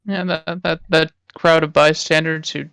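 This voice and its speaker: A man playing a tabletop game talks playfully at a middle pitch. His voice is smooth and clear. The sound is close and dry. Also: flat delivery, normal speed, fairly bright tone, no echo. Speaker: player.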